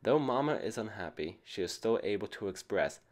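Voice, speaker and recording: Brisk and sing-song, with a lowish voice, a man reads aloud from a picture book for children. He questions his young listeners the way a teacher does.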